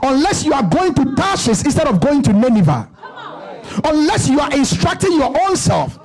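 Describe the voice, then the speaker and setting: A pastor in his thirties preaching a sermon on a church stage into a handheld mic, building to shouts with rhythmic repetition. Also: extremely high pitch, big pitch swings, normal speed, over music. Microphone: handheld microphone.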